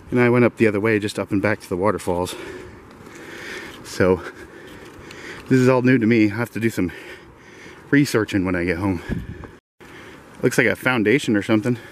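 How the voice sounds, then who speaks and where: A man's voice: on the low side, a little fast, pauses often, slight background noise. Chatty man hiking outdoors. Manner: chatty, jokey, talks to himself. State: out of breath. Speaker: vlogger. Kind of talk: hiking vlog narration. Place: outdoors on a rocky mountain trail.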